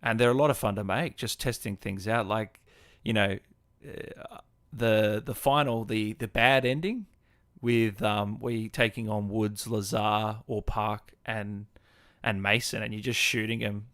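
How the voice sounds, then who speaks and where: Here an Australian man hosts a gaming livestream, informally answering viewers' comments and talking to them like mates. His pitch is fairly low and his tone steady and fairly bright, delivered at a measured pace in studio quality with no echo.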